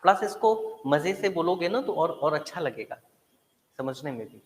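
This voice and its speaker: A man with an Indian accent teaching a live online class, repeating terms slowly so students can memorize them. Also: fairly high pitch, animated. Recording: echoey room with long reverb.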